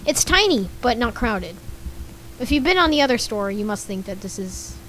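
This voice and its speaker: Her voice is a little high, fairly bright, and slightly scratchy, swinging widely in pitch at a moderate pace. A young gaming YouTuber, she offers chatty, giggly commentary, reading the game chat aloud and reacting to it.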